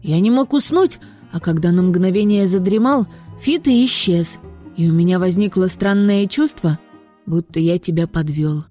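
A woman voicing a clever, shy young boy in glasses who speaks in a hushed, explaining way in a storybook reading. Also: fairly low pitch, normal speed, faint music behind, natural voice.

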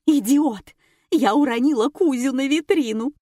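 A woman voicing an indignant, flustered woman who insists loudly. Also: measured pace, dry recording, studio quality, lightly acted. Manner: shrill, insistent.

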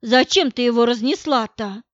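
A woman's voice: a little high, moderate pace, dry recording, close to an everyday voice. A woman voicing a worried, insistent middle-aged mother who presses with questions, in a dull, dry recording.

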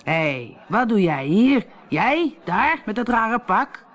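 A woman's voice: a little high, sing-song, takes it slowly, pitched above the performer's own voice. A woman voicing a brash, boastful sea captain in a storybook. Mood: blustering.

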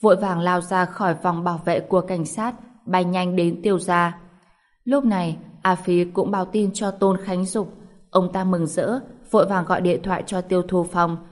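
A woman narrating a novel as an audiobook, reading in an even, steady way. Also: fairly low pitch, moderate pace.

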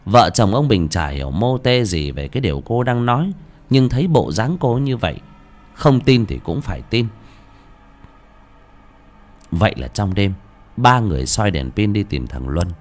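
A man giving dramatic, expressive scripted narration of a horror story. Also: lowish voice, moderate pace, long pauses. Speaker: audiobook narrator.

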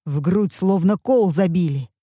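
A woman's voice: fairly low pitch, measured pace, warm tone, slightly rough, dry recording, studio quality. A woman reading an audiobook, voicing a handsome young male villain who snarls in desperate, anguished outbursts.

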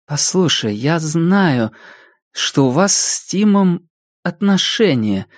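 Man doing a calm lady detective, firm, reassuring, audiobook. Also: on the high side, takes it slowly, dry recording, clean studio sound, pitched above the performer's own voice. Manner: steady, reassuring. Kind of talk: audiobook character reading.

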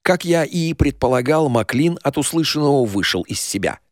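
A man narrating a crime audiobook in the first person, in an expressive, dramatic manner, on a close studio mic. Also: a little high, moderate pace, no echo.

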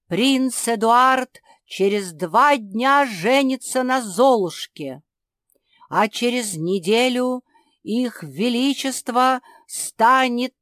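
A woman doing a booming royal herald. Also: no echo, studio quality, heavily acted. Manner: loud, drawn-out declaiming.

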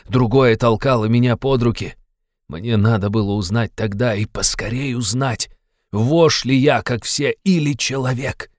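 A man's voice: medium pitch, a little mellow, no echo, studio quality, pitched above the performer's own voice, close to an everyday voice. A man reading an audiobook, playing a tormented young man who confesses in a brooding, agitated way. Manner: brooding, agitated, bitterly insistent.

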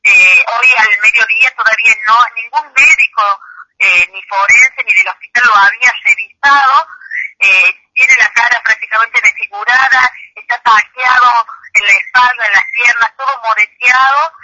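Calling in from Chilecito, Argentina, this activist woman in her 30s has a fairly high, bright, forceful voice with no room sound, though the phone line itself is muffled and noisy. Her testimony in the phone interview comes out hesitant and full of fillers.

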